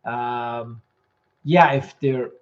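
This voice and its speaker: Through a muffled recording, a man of medium pitch and fairly even intonation runs a live question session. As an immigration consultant, he reads out viewers' comments and fires back brisk, practical answers while losing his voice.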